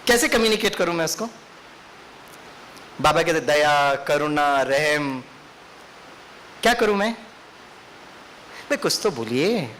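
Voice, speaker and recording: A man's voice: high voice, sing-song, normal speed, long pauses, fairly bright tone. A man with an Indian accent giving a lecture to teachers in training, telling a story and putting questions to his audience. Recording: faint hiss.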